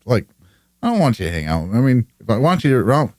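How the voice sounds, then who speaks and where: A man as a podcast guest, talking casually and bluntly in halting bursts, with some swearing. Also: medium pitch, sing-song, a little mellow, no echo, studio quality. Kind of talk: casual, profane podcast chat.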